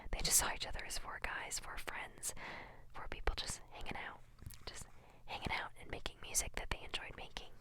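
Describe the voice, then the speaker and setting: Whispering close to the microphone at a fairly quick pace, a young ASMR creator reads quotes from a book. Between them she giggles and chats, her asides packed with fillers.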